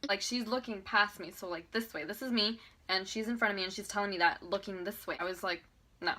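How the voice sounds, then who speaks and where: A woman in her twenties from Venezuela, telling a chatty, animated storytime on her vlog and laughing often. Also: mid-range voice, quick pace. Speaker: beauty vlogger.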